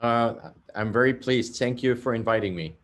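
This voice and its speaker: A middle-aged man from Austria with an Austrian German accent, a guest telling the story of his business in an animated way, repeating words and tagging sentences with "yeah?". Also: mid-range voice, moderate pace. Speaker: guest, software company CEO. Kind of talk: interview storytelling.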